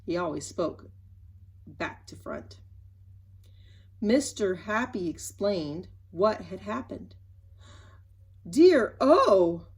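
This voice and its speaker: A woman reading a children's storybook aloud, gentle and expressive. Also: on the low side, takes it slowly, pauses often, slightly rough. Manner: expressive, gentle, animated emphasis. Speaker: story reader.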